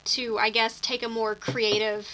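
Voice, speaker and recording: A woman's voice: on the high side, flat delivery, a little slow, bright, forceful tone. A woman co-hosting a casual gaming podcast, chatty and eager. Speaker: podcast co-host.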